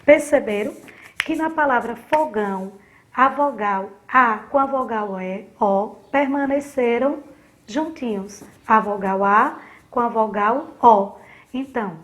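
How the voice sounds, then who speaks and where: Woman primary teacher, slow patient delivery, gentle diminutives, a touch high-pitched. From Sergipe, Brazil. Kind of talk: recorded remote class lesson.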